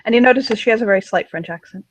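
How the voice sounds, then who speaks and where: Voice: mid-range voice, racing, dry recording, low-quality recording. A role-play narrator chatting casually and narrating a voice role-play.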